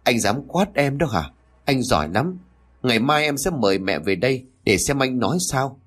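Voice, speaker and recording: A man's voice: mid-range voice, very animated, normal speed, fairly bright tone. A man voicing a jealous young wife in a spoken story, scolding and tearful. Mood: furious. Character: jealous, shrill young wife, quick to fury.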